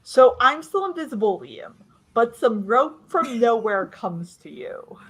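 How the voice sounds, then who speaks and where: A woman playing in a tabletop role-playing game, wry and lively. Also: fairly high pitch, a little slow, breathy edge, rough recording. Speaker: player.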